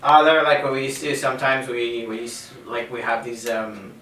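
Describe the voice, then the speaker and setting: A man, a chef and caterer from Canada, talking casually in an interview, relaxed, with many fillers and repeated phrases. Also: medium pitch, moderate pace. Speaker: interview guest. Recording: roomy, distant from mic, faint noise.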